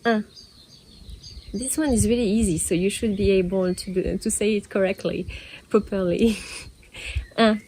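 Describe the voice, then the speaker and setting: A young French woman teaching her language in a casual video lesson, playful, laughing often and drilling words slowly for learners to repeat. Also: medium pitch, steady tone, warm tone, a little hiss or hum.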